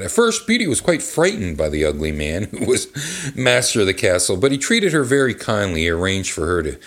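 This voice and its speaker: A man hosting a comedic live reading of a children's book in a bar, rambling into crude asides with many fillers. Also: sits low.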